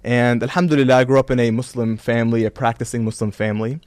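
Fast and steady at a medium pitch, this man's darkish voice comes through clean studio sound without any room noise. Having grown up in Kuwait and Canada, the religious content creator is an interview guest in casual talk, speaking earnestly and reflectively with many "you know"s.

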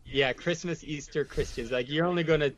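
This man speaks briskly in a slightly high voice, an American guest in a casual, reflective interview. His delivery is loose and rambling, peppered with "like" and "you know." The recording sounds dull, lo-fi and dry.

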